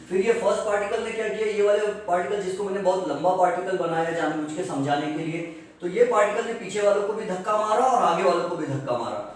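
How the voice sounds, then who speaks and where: Guy teaching science class, high voice, far from the mic, super echoey room. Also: slight background noise. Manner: explains step by step, slowly dictates definitions. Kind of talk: classroom lecture mixing Hindi and English.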